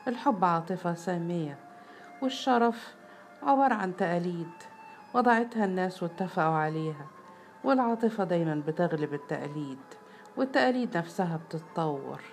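A woman's voice: on the low side, lively intonation, brisk, a little hiss or hum. Woman playing a heated Egyptian male teacher. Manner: heated, lecturing. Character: passionate, insistent married male teacher.

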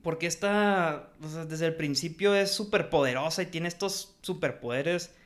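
A man's voice: fairly high pitch, moderate pace. A man with a Mexican accent co-hosting a podcast, giving a frank, slangy film review and laughing often. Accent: Mexican Spanish. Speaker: podcast co-host. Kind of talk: casual film review chat.

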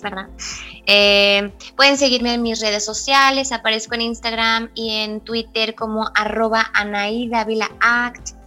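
Bright-voiced young woman giving encouragement. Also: fairly high pitch. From northern Mexico. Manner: encouraging, direct advice to listeners. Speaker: actress, interview guest. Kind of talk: casual video-call interview.

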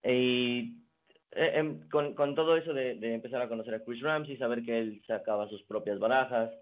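A young man from Mexico, a guest in a casual interview, telling his story in a relaxed way with many restarts. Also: medium pitch, normal speed. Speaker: guest, card designer and magician. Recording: phone-like narrow band.

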